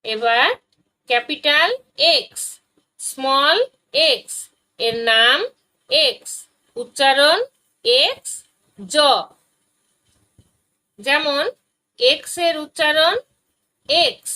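A woman teaching a phonics lesson for young children, spelling out letters and sounds one by one with patient, deliberate delivery. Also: high voice, bright, forceful tone, rough recording.

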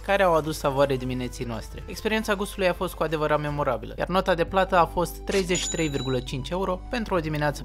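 A man in his twenties narrating a travel vlog in a lively, explanatory way, speaking to a handheld camera on a city street. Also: fairly high pitch. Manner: lively, explanatory, jokey asides. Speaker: travel vlogger.

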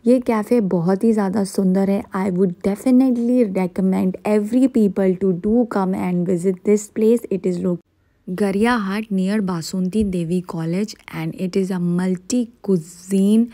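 Gravelly-voiced young woman food vlogger. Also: medium pitch, steady tone, warm tone, no echo. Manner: chatty, mixes Hindi and English, slows right down on English phrases. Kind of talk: casual vlog narration. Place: outdoors on a tree-lined road, then inside a cafe. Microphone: phone at arm's length.

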